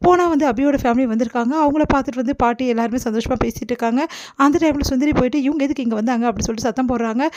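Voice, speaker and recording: A woman's voice: high-pitched, rapid-fire, darkish tone, no room sound, dull audio. A woman casually retelling a TV serial's plot in a rambling way, with many fillers. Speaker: TV serial recap presenter. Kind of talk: casual spoken plot recap.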